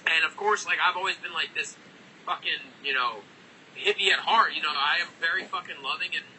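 Young male frat bro type, sweary casual chat, quick and sharply forceful. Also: on the high side, slight background noise, rough recording. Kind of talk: casual heartfelt conversation.

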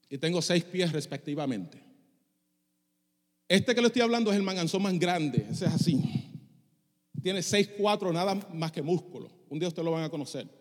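A man's voice: high voice, a little mellow, long reverb tail. A middle-aged male pastor preaching a passionate sermon, dropping English phrases into his Spanish. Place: church sanctuary.

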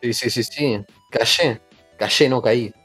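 A man's voice: mid-range voice, measured pace, a bit bright, husky, soft background music. A man with an Argentine Spanish accent, a kanji teacher telling a chatty story in a casual group conversation.

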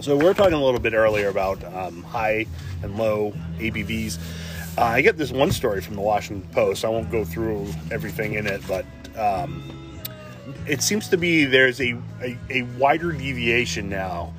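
A man hosting a casual podcast, relaxed as he reads out and talks over news stories. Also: on the low side, normal speed, music in the background. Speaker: podcast host.

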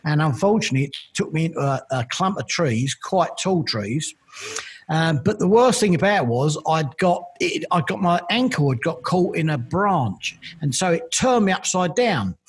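A middle-aged militaria collector from East London, England, appears as an interview guest, chatting with a Cockney accent through long, rambling stories. His voice is on the high side, sing-song and slightly rough, at a moderate pace. He keeps repeating "I've got to be honest" in this casual storytelling interview.

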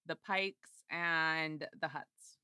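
A woman's voice: sits low, steady tone, extremely slow, bright, forceful tone, clean tone, no echo, clean studio sound. A hungover woman podcast host chatting casually, fumbling for words and prone to giggling. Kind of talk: casual fan podcast chat.

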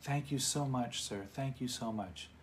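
A man's voice: medium pitch, a little slow, a little hiss or hum, lightly acted. A man voicing a grief-stricken young woman who begs for help in a retold teaching story, repeating her pleas over and over. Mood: hopeful grateful. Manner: pleading, repeating words.

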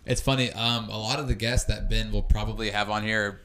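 A young man as a guest, chatting in a relaxed, laid-back way with lots of "like". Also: on the low side, a little fast, background noise. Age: young adult. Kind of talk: casual chat.

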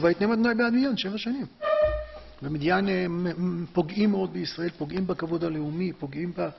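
A man giving a Torah lesson to a class, impassioned and emphatic, rising to forceful peaks. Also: high voice, vocal fry, slightly rough. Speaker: Torah teacher. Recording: dull lo-fi sound with long hall reverb.

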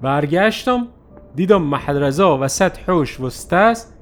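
A man narrating a first-person story in a lively, animated way. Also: fairly high pitch, faint music behind.

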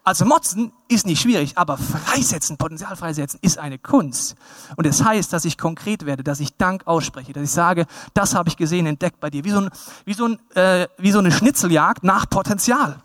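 Pastor in his thirties, high voice, dry close sound, lively sermon with acted-out quotes. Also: a little fast, dry recording. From Bavaria. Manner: lively, animated, acts out quoted people in raised voice.

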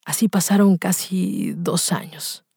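Brief: woman narrating a dramatic confession, husky and dry, close mic. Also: lowish voice, no echo. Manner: hushed, breathy dramatic delivery with lingering pauses. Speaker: storyteller reading a listener's confession. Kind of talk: dramatic first-person story reading.

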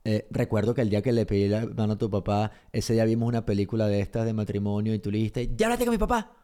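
A man talks fast and rambles through a shared story, full of fillers. His voice is dark and mellow. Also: fairly low pitch, flat delivery, clean tone. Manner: rapid, rambling, with frequent fillers. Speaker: podcast co-host. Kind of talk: casual couple storytelling.

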